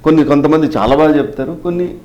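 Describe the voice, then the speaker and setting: A man's voice: on the high side, racing, a little mellow, highs cut off. A middle-aged man, a mimicry artist, answering interview questions and telling stories from his career while slipping English phrases into his talk. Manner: explanatory, mixes in English phrases.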